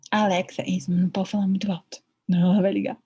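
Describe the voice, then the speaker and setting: Husky Brazilian woman teaching on a call. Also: mid-range voice, fast. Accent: Brazilian Portuguese. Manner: chatty, animated, acts out her own thoughts. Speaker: veterinary ultrasound teacher. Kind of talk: online lecture.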